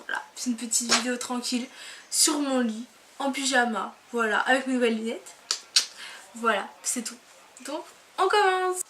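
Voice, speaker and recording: A young woman chatting casually to camera from her bed, relaxed and full of fillers. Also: a little high, normal speed, long pauses, heavy background noise. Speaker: vlogger.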